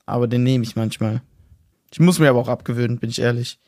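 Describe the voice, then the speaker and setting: A young man co-hosting a podcast in casual chat, slangy and excitable, acting out quotes. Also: mid-range voice, quick pace, no room sound, clean studio sound. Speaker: podcast co-host.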